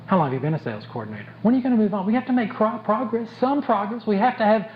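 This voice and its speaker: Speaking rapid-fire in a high, expressive voice, a man motivates a sales conference audience. He jokes, talks bluntly and repeats his key points for emphasis, all on dull lo-fi tape with faint background noise.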